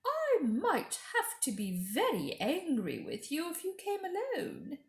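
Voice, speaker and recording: A woman voicing an imperious, falsely sweet witch queen from a storybook, with a grand, coaxing, drawn-out delivery. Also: high-pitched, wildly swooping pitch, pitched above the performer's own voice, heavily acted. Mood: coaxing, sly. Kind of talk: storybook character reading. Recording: echoey room.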